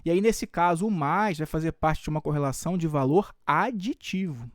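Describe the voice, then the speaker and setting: A man's voice: fairly high pitch, moderate pace, dry recording, clean studio sound. A Brazilian man teaching Portuguese for exams, explaining step by step and often checking in with his students. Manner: explains step by step with frequent check-ins like "tá?" and "tudo bem?". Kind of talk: exam-prep video lesson.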